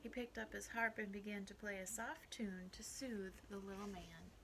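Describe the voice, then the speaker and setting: A woman teacher reading a storybook aloud to young children, expressive and asking them questions. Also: mid-range voice, moderate pace, background noise. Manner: expressive, asks the listeners questions.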